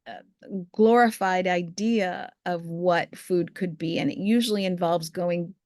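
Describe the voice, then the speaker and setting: A woman's voice: fairly low pitch, steady tone, a little slow, a little mellow, no room sound, clean studio sound. A woman being interviewed as a guest, speaking in a talkative, enthusiastic way. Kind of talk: conversational interview.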